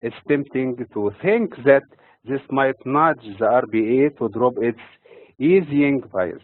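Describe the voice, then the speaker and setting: A man from Egypt delivering a scripted economic and financial markets commentary in a measured, read-from-notes manner. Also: medium pitch, no room sound. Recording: dry, tinny phone-like audio.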